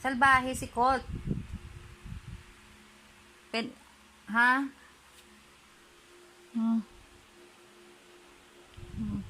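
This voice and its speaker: Woman, pet owner vlogger, teasing scolding manner, slightly high, bright. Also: steady tone, drawn-out words, pauses often, slight background noise, poor audio. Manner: scolding and teasing, with repeated sharp questions. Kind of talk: casual home vlog, talking to a pet.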